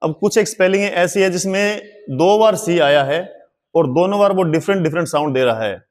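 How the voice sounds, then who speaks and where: A man with a high-sitting voice teaches English pronunciation in a slow, classroom style. He spells words out letter by letter and repeats examples.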